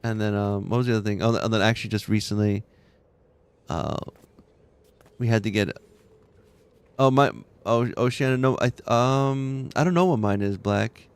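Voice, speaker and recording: A man's voice: fairly low pitch, moderate pace, pauses often, clean tone. A man streaming a game from his room at home, chatting casually with viewers and telling rambling, laughing anecdotes full of restarts. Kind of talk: casual chat with stream viewers while gaming.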